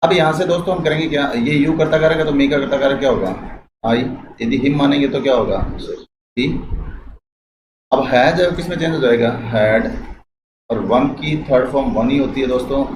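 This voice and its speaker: A male teacher giving a lecture on English grammar, slowly dictating sentences as he writes them on the board and asking the class questions. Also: mid-range voice, roomy sound, noisy background.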